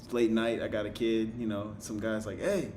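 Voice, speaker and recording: Relaxed male interviewer, mid pitch, roomy sound, rumbling background noise. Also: moderate pace. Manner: relaxed, frequent short agreements and laughs. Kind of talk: casual interview chat.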